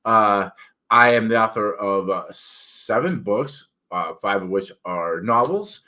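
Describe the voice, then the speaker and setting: A middle-aged author hosting his own channel gives a candid, rambling, self-deprecating monologue. His articulation is thick, slightly slurred, and tongue-heavy, and his fairly low voice is expressive, slow, bright, and forceful.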